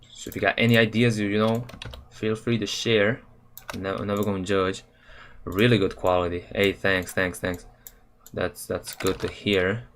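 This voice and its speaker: With a low voice and background noise, a young man from Serbia casually rambles during a live stream where he builds a game level. Keyboard and mouse clicks carry on as he speaks slangily, with lots of fillers and self-corrections.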